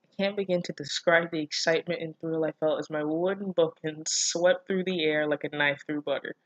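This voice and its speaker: This woman's voice sits low, with fairly even intonation and a fairly quick pace, as she alternates reading fan fiction aloud with casual reactions. Giggly and prone to stopping for comments, she sounds incredulous and self-deprecating and swears freely. The audio is dull, with no room sound.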